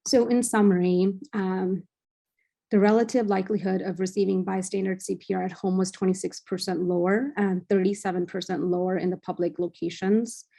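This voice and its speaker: Young woman fellow presenting research; mellow, creaky voice, measured delivery with plenty of ums. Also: medium pitch, steady tone. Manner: measured, frequent "um" fillers. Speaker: cardiology fellow presenting at journal club. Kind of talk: academic presentation.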